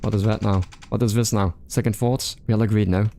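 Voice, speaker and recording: A man's voice: on the low side, steady tone, fairly quick, vocal fry, warm tone, slight background noise. A man doing a sly Russian convict woman. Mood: teasing. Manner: teasing, sly.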